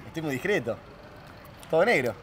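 A man's voice: fairly high pitch, sing-song, fairly quick, a crowd in the background. A man, a guest player, chatting in a self-mocking way.

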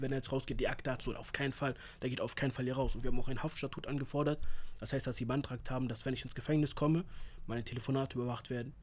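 A young man with telling a real-life story in a casual, animated way, acting out the lines of the people in it. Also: medium pitch. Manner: slangy, animated, acts out quoted lines.

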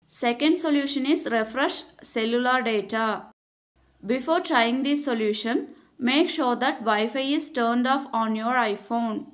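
This is scripted tutorial narration read by a woman whose pitch sits fairly high. She moves through the steps in a measured, teaching tone.

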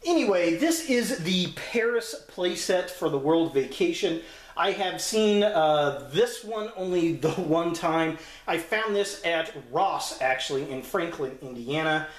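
A man hosting a casual toy review video, talking in a relaxed, rambling way with lots of fillers. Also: on the high side, unhurried. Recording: echoey room.

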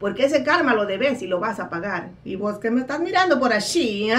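A woman's voice: a little high, a bit bright, far from the mic. A woman playing a brash female psychic who scolds and mocks in a dramatic comic card reading. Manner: scolding, dramatic, laughs at her own jabs.

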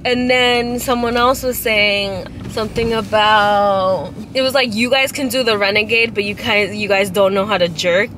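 A woman's voice: mid-range voice, fairly even intonation, moderate pace, few pauses, a bit bright, rough recording. A young woman chatting casually in a car at night, telling stories in a rambling way full of likes, picked up by a dashboard camera. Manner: rambling storyteller, many likes. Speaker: guest. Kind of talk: casual chat. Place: inside a parked car at night. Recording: car with noise behind.

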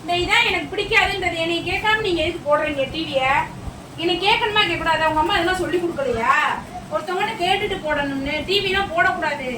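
A stern aunt scolds and lectures the children of the house in a high, sharp voice, as a woman acts her out. She is recorded from a distance in an echoey room, with household noise behind her. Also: quick pace, close to an everyday voice. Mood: scolding. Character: strict scolding aunt, middle-aged woman. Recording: echoey room, far from mic, noisy.

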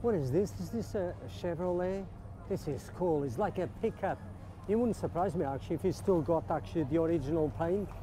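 With background noise around him, a vlogger at a car meet talks briskly in a fairly high voice. He walks through the outdoor car park casually and enthusiastically, admiring things and asking viewers questions.

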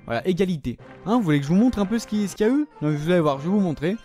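A man's voice: high voice, animated, racing, warm tone, faint music behind. Exasperated, sarcastic man gaming. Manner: exasperated, sarcastic, swears a lot. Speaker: gaming channel host. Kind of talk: casual gameplay commentary.

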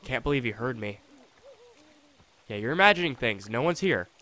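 A young man giving casual gameplay commentary, chatty and thinking aloud, with excitable reactions. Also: mid-range voice, moderate pace. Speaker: let's play host. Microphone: desktop USB condenser mic.

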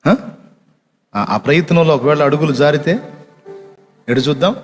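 A male pastor preaching and praying, dropping low and quiet, then rising with passion. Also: moderate pace, in a large hall, soft background music. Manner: impassioned preaching, swings between quiet and loud. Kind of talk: sermon and prayer.

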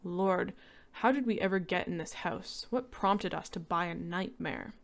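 A woman giving a dramatic reading of a short story, acting out each character and rising loud for the shouting and panicked lines. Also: fairly low pitch, measured pace, vocal fry. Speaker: reader.

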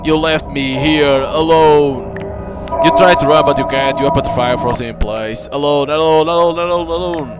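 A man's voice: a little high, moderate pace, pitched above the performer's own voice, lightly acted. A man voicing a female ghost bride, lonely and wounded, lamenting and repeating words as in dialogue from a game. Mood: wounded, accusing. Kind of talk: reading game dialogue aloud in character. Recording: loud game music behind the voice.

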